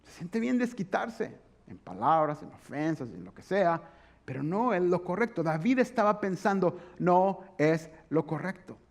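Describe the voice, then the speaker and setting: High-voiced man preaching a sermon. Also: moderate pace, gravelly. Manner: animated preaching, acting out voices and asking the congregation questions. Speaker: pastor.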